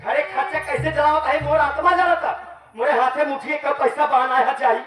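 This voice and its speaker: A woman's voice: high-pitched, fairly even intonation, normal speed, a bit bright. A woman playing a harsh, abusive elder sister-in-law on a folk stage, hurling insults in a sing-song delivery. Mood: scolding. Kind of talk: folk stage theatre acting. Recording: distant echoey live stage recording. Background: crowd and music.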